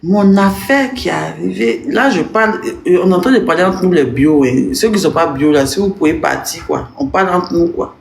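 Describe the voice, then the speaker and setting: A woman's voice: fairly low pitch, moderate pace, gravelly, hardly any pauses, slight background noise. Woman, live streamer, tipsy, teasing and rambling, roomy sound, faint ambience behind. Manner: teasing, rambling, breaks into giggles. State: a little tipsy. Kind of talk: casual live-stream chat addressing viewers.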